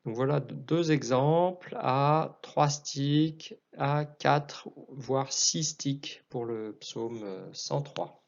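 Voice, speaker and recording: Man teaching psalm chant, slow and hesitant delivery, muffled lo-fi sound. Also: mid-range voice, vocal fry. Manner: unhurried, hesitant explaining with restarts. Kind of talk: explanatory chant lesson.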